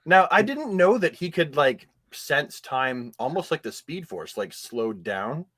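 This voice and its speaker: Animated, joking man co-hosting. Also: on the high side, a little slow. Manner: jokey and animated, laughs often. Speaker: podcast co-host. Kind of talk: casual chat reacting to a trailer.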